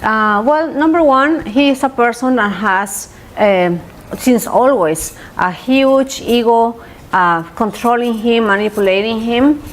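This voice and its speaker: A woman giving conversational commentary as a show co-host, sometimes halting and drawing out words. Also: on the high side, a little hiss or hum.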